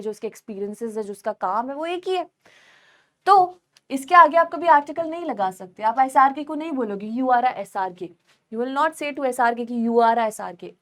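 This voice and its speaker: A woman's voice: fairly high pitch, a bit bright. A young woman teaching a recorded grammar lesson alone in a room, chatty, mixing Hindi and English and often asking her learners questions. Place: room with no one else present.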